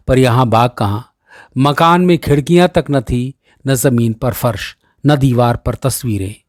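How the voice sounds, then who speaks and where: Brief: male storyteller, medium pitch, steady expressive reading, dry close recording. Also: no echo. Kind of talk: reading a classic short story aloud.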